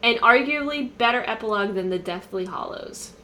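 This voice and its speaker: A woman's voice: a little high, expressive, brisk, bright, forceful tone, slight background noise. A woman in casual chat, reading a list aloud and jumping into playful voices when she quotes lines.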